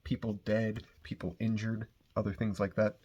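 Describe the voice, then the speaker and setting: A man's voice: lowish voice, flat delivery, normal speed, darkish tone, breathy edge, lo-fi sound. A man casually recapping a comic book's plot, rambling with lots of fillers and the odd swear word. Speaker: comic book reviewer.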